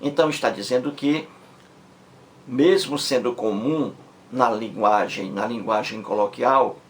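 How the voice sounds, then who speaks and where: A man with a Brazilian accent teaching a grammar lesson, repeating each example word with slow, deliberate emphasis. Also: mid-range voice. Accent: Brazilian Portuguese. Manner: drawn-out, emphatic repetition of example words. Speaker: Portuguese language teacher.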